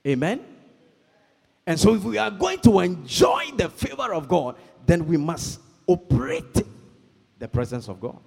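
A man preaching a sermon, slow and emphatic, calling for amens and rising to shouts. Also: high-pitched, very animated, vocal fry, breathy edge. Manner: call-and-response, calls for amens. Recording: long hall reverb.

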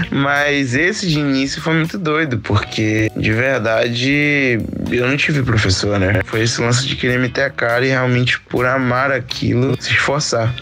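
A young Brazilian man, a guitarist being interviewed, who talks in a relaxed, slangy way and keeps tagging his sentences with casual fillers. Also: mid-range voice. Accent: Brazilian Portuguese. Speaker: guest guitarist.

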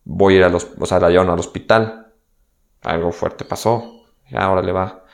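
A man's voice: sits low, steady tone, normal speed, creaky. A young man with a Mexican accent telling a personal story in a candid, slangy way, acting out the dialogue he quotes. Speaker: guest.

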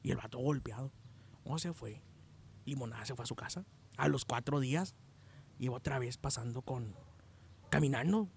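A man telling jokes in casual chat, animated and shouting the punchlines. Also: mid-range voice, moderate pace, gravelly, pauses often, a little hiss or hum. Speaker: joke teller.

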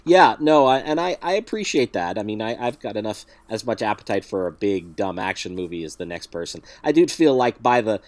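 A man's voice: on the low side, lively intonation, brisk, hardly any pauses, no echo. A man co-hosting a casual film review podcast, speaking in a wry, dryly joking way as he recaps a plot. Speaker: podcast co-host.

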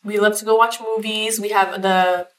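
A woman's voice: medium pitch, little pitch movement, moderate pace, fairly bright tone. A woman with an American accent, chatty and giggly, co-hosting a casual podcast. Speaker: podcast co-host. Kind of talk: casual chat. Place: home living room.

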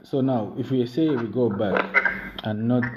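A man's voice: mid-range voice, a little slow. A young man in a casual podcast discussion, explaining his opinions step by step and repeating himself. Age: young adult. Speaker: podcast co-host. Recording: roomy, muffled, noisy home recording.

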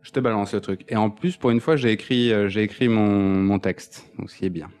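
A man co-hosting a casual film podcast, explaining plots with rambling restarts and deadpan joking asides. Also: on the low side, fairly quick. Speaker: podcast co-host. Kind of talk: casual film chat, partly read from notes.

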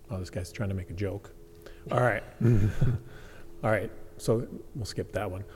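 A man's voice: mid-range voice, warm tone. A man in his forties hosting a podcast, upbeat as he reads out questions to his guests. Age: 40s. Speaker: podcast host. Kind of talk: casual interview chat. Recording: echoey room with faint hum.

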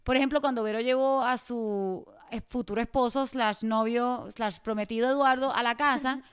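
Smooth-voiced Puerto Rican woman chatting. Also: a little high, moderate pace. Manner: animated storyteller, laughs often. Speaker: podcast co-host. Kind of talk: casual chat.

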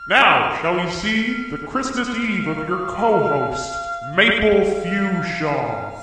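Male actor as a grave ghost, slow, high-pitched, drenched in ghostly echo reverb. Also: expressive, full character voice. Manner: slow, grave, portentous delivery. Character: solemn male ghost, spirit of the present. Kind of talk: comedy audio sketch acting. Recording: echoey, distant, long ghostly reverb. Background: music.

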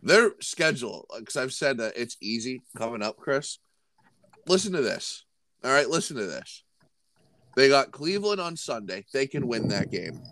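A man's voice: mid-range voice, big pitch swings, moderate pace, a bit bright, no room sound. A man co-hosting a sports podcast in casual chat, often restarting his sentences. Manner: repetitive, stumbling restarts. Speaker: podcast co-host.

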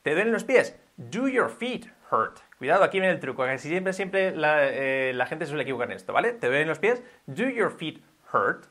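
Guy giving an english lesson, bright kinda high voice, keeps asking ok?. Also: big pitch swings, moderate pace, hardly any pauses. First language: Spanish. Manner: explains patiently, checks in with "¿ok?". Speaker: English teacher. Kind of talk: video lesson for Spanish speakers.

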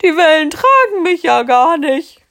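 A woman voicing a big, dumb, boastful male giant in a storybook read aloud, loud and blustering. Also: medium pitch, lively intonation, unhurried, close to an everyday voice. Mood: wailing. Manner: loud, blustering, whining when in trouble.

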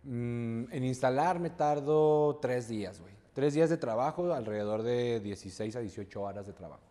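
A man's voice: mid-range voice, lively intonation, normal speed, warm tone. A Mexican man talking casually as a podcast guest, peppering his sentences with slang and swearing. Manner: slangy, swears freely, ends phrases with "güey". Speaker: guest, business owner. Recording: hall reverb, faint room noise.

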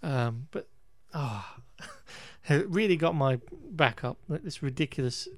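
A man with a fairly high, expressive voice talks slowly on a podcast, recapping a film in a loose, rambling way. He sounds wry and exasperated, restarts his sentences, and swears now and then. The recording has no echo, and it's casual chat.

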